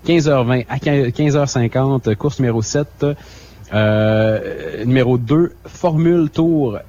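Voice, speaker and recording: A man's voice: medium pitch, takes it slowly, warm tone, highs cut off, a little hiss or hum. A man co-hosting a radio show, reading out a schedule with many fillers and self-mocking asides. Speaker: radio co-host.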